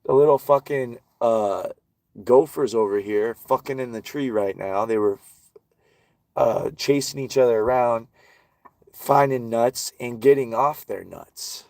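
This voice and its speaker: Guy cussing and ranting at a park, mid pitch, dry sound. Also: measured pace, vocal fry, darkish tone, no echo. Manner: swears constantly, ranting. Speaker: vlogger. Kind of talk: profane outdoor rant. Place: park outdoors.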